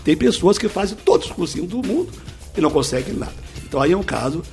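Male teacher guest, bit high, very lively delivery, didactic, faint music behind. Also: quick pace, gravelly. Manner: lively, didactic, full of examples. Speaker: speed-reading teacher, guest. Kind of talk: explanatory interview answers.

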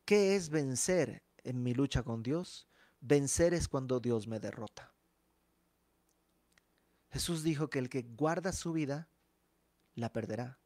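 Animated preacher, dry sound. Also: male voice, fairly high pitch, no echo. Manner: animated Bible teaching with asides. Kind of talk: sermon.

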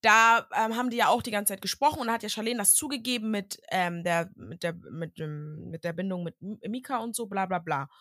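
A young woman co-hosting a casual podcast, talking in blunt, slangy bursts as she argues her take. Her voice is bright and a little tense. The sound is dry, with no room around it. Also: medium pitch, quick pace, hardly any pauses, no room sound. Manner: blunt, slangy, animated opinions. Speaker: podcast co-host. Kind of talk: casual chat.

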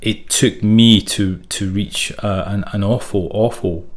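A middle-aged man from South Africa and Zimbabwe, speaking as an interview guest in a halting way with many restarts and repeated words. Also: lowish voice, fairly even intonation. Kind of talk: candid interview talk.

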